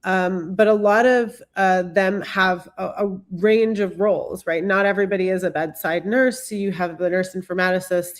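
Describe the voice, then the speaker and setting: A congested woman speaks as a guest expert, presenting in a halting way full of fillers and restarts. Her voice sits a little low. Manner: hesitant, many fillers. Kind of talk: presentation talk.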